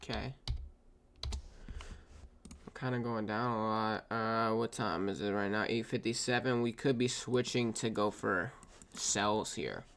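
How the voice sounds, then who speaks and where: A man casually reviewing his trading day, tired and yawning, talking in a loose, unhurried way with drawn-out pauses and the odd swear word. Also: on the low side, fairly even intonation, a bit bright, slight background noise. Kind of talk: casual screen-recorded trade review. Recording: clear keyboard typing in background.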